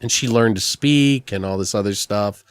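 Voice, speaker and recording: A man's voice: fairly low pitch, moderate pace, smooth, dry recording. Guy rambling about a movie on a podcast, swears a lot, dead dry sound. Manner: loose and rambling, swears freely. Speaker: podcast co-host. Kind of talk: casual film review chat.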